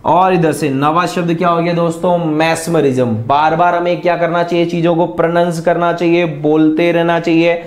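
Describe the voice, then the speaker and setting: Guy doing an exam prep vocab lesson, kinda high voice, keeps asking and repeating words, roomy echo. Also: flat delivery, moderate pace, few pauses. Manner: repeats words and quizzes viewers with questions. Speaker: vocabulary teacher.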